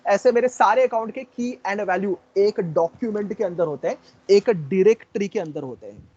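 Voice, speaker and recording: A man's voice: sits high, moderate pace, a little mellow, husky. A man teaching a lecture class, explaining step by step, repeating key terms and promising to quiz his students later. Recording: dull lo-fi recording.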